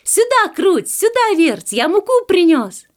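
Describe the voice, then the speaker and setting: A woman voicing a hardworking, patient little male rooster in a storybook reading, calling out brightly. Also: high-pitched, lively intonation, a little slow. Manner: calling out brightly, stern when questioning.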